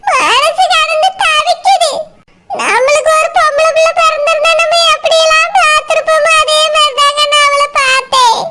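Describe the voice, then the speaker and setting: A woman voicing a tearful elderly village mother-in-law in a cartoon, wailing and shouting through tears. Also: very high voice, moderate pace. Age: older. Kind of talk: cartoon village comedy voice acting. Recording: loud background noise.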